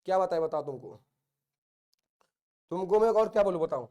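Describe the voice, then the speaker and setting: This Indian man teaching chemistry speaks at a moderate pace with lively intonation and a darkish tone, though his pitch sits very high for a male. During the class lecture he jokingly teases and scolds students and repeats key phrases over and over to make them stick.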